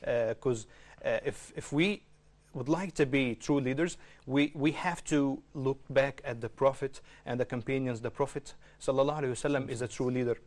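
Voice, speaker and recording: A young man from Egypt joins a studio panel discussion. His voice sits at a middling pitch, and his speech is halting. He leans on "uh" fillers between phrases. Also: darkish tone. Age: young adult. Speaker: studio guest. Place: television studio.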